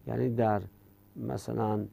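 A man teaching an Arabic grammar lesson in Persian, reciting verb conjugations in a steady drone and then explaining the rules step by step. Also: medium pitch, creaky, breathy edge. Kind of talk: religious-school grammar lesson.

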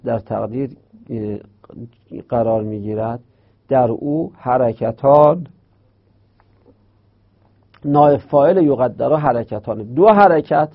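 A man's voice: medium pitch, creaky. A man teaching Arabic grammar, explaining step by step and repeating and drawing out terms. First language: Persian. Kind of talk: explanatory lesson. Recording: dull lo-fi recording.

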